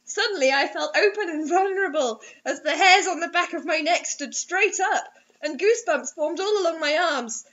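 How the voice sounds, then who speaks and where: Her very high, slightly bright voice hardly pauses as this young adult woman dramatically reads a story at normal speed, layering in sarcastic mockery. The theatrical reading happens in a small indoor room, with dull lo-fi sound like a webcam.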